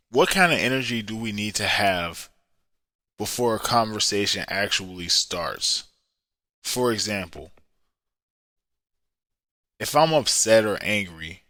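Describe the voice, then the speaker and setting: A man's voice: fairly low pitch, pushed and bright, dry recording. A man hosting a podcast, giving relationship advice in a coaching way and checking in with the listener. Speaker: podcast host.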